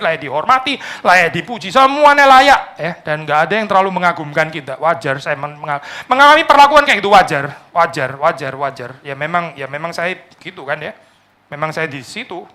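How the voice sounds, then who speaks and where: Animated bright-voiced male preacher. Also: fairly high pitch. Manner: animated, swings from loud mock-complaints to soft asides; conversational, tag words like "ya" and "gitu". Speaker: pastor. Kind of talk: sermon.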